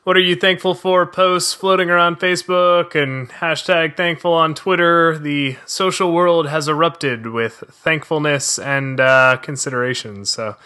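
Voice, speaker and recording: Bright-voiced man hosting a podcast. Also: a little high, steady tone, measured pace, hardly any pauses. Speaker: podcast host, social media strategist. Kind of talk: podcast talk on marketing.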